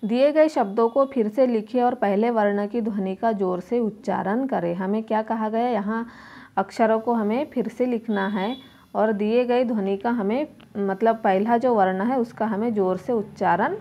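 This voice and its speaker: A woman's voice: fairly high pitch, moderate pace, highs cut off. A woman teacher, patiently walking young children through a workbook and sounding out each letter aloud. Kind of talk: primary school lesson walkthrough.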